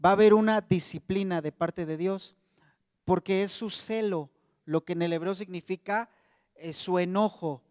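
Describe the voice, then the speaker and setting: A man's voice: sits high, normal speed, darkish tone, smooth, no echo, clean studio sound, big-room sound. A man with a Mexican Spanish accent preaching a sermon to a congregation, in a conversational way, often calling them brothers.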